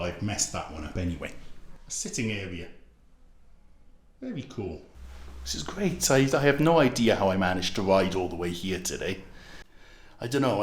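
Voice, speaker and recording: A middle-aged Welsh man with a Welsh accent and a lowish voice narrates a casual travel vlog from a room in a guest house. He's chatty, rambling and self-deprecating as he films his trip. The audio is echoey, with background noise.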